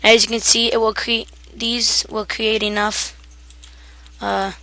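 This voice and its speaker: A woman's voice: on the high side, flat delivery, slow pace, pushed and bright, no echo. A woman giving a casual, rambling game tutorial, half asleep and self-deprecating, with keyboard typing behind her. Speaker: gaming tutorial maker.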